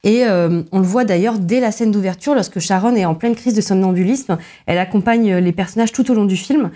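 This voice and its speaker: A woman in a film podcast, analysing a horror movie in casual chat, with frequent filler pauses and restarts. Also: medium pitch, mellow. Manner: many filler pauses, restarts, self-deprecating asides.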